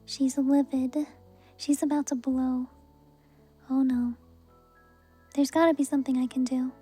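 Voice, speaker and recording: Soft high-voiced woman reading aloud. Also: a little slow, breathy edge, faint music behind. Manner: soft, even reading voice with brief laughs at the text. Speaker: streamer reading a book aloud.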